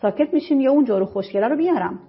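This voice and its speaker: A woman voicing a bossy, quick-tempered middle-aged mother who scolds and gives orders. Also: sits high, expressive, breathy edge, pitched above the performer's own voice, full character voice. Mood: scolding. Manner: scolding, commanding. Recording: muffled lo-fi recording.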